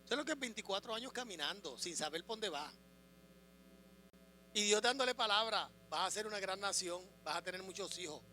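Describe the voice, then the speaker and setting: A man preaching a sermon as a pastor, swinging between loud proclamation and quiet asides, asking the congregation questions. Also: sits high, animated, brisk. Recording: music and mains hum behind.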